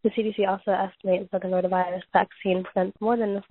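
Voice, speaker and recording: A woman with a failing voice reads prepared notes aloud, stumbling, restarting and clearing her throat. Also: medium pitch, flat delivery. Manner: halting reading with frequent restarts and throat clearing. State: losing her voice, coughing. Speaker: podcast host reading points on a topic. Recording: tinny phone-like audio.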